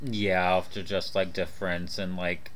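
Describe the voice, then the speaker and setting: A man's voice: deep voice, little pitch movement, normal speed, a bit bright. A man co-hosting a casual podcast, talking informally and freely swearing, with half his mouth numb from the dentist. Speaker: podcast co-host.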